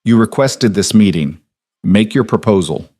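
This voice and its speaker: Man voicing guarded mob boss, quiet, measured, controlled, lowish voice. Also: animated, dry recording, clean studio sound. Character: controlled, guarded male crime boss, middle-aged.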